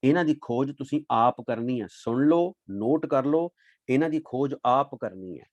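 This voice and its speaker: A man giving a devotional talk on scripture, reciting verses slowly and then explaining them in a lively way. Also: medium pitch, no room sound, highs cut off. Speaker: Sikh scripture teacher.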